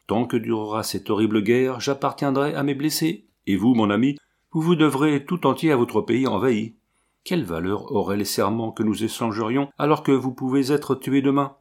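A devout marquise speaks with quiet, solemn firmness, voiced by a man reading aloud. She tells of her resolve in even, measured tones, a noble lady given over to duty. It is a plain audiobook reading. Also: mid-range voice, lightly acted. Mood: solemn, resolute. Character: devout grave noble woman, a marquise nursing wounded soldiers.

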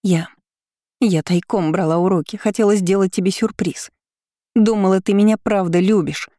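A reader voicing a jealous young woman in an audiobook, shrill and breaking with tears. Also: steady tone, normal speed, warm tone, no room sound, clean studio sound, lightly acted. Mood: tearful anger. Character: tearful jealous young woman, fiery and desperate. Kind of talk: audiobook character voice.

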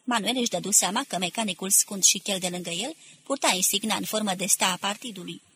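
A woman narrating an audiobook in a steady, measured reading. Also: mid-range voice, a little hiss or hum.

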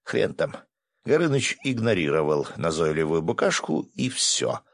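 A man narrating a first-person adventure audiobook, brisk with coarse asides. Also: low-pitched, very animated, vocal fry, no room sound, studio quality.

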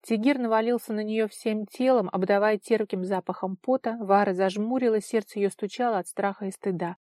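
A woman narrating a storybook in an even, steady read. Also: medium pitch, fairly quick, no room sound, clean studio sound. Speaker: audiobook narrator. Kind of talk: scripted narration.

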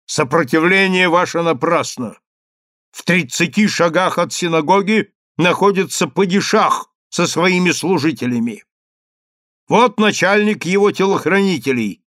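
A man voicing a stern, commanding man who speaks firmly and loudly. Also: on the high side, unhurried, no echo, clean studio sound, pitched above the performer's own voice. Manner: firm and loud. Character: stern, commanding man confronting his accusers.

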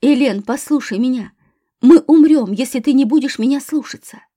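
Desperate young mother, urgent and commanding, read by a woman narrator, husky, higher voice. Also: moderate pace, warm tone. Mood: frantic. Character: terrified young mother in a house fire.

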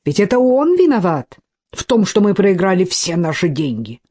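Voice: mid-range voice, very animated, moderate pace, warm tone. A reader voicing a proud, hot-tempered young aristocrat who speaks curtly and flares up. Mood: heated. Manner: curt, seething, rising to outbursts.

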